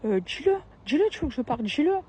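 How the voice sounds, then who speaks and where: A woman's voice: high-pitched, big pitch swings, quick pace, warm tone, a little hiss or hum, pitched above the performer's own voice. A woman voicing her nagging, provoking sister-in-law, who repeats herself insistently. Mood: insistent, needling.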